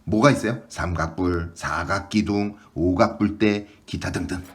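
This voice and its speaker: A man teaching a math lesson online, asking short questions and answering them himself. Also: low-pitched. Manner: quick question-and-answer explaining.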